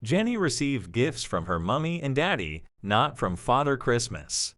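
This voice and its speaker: A man narrates a scripted audio drama, his medium-pitched voice rising and falling with lively, wide intonation. He speaks a little slowly. The recording is close and dry, with no echo.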